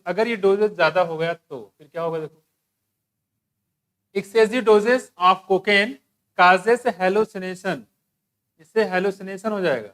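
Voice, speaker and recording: A man with a fairly high voice teaching an exam-prep biology class. He explains casually, keeps asking his students rhetorical questions and drops English terms into his talk. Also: a bit bright.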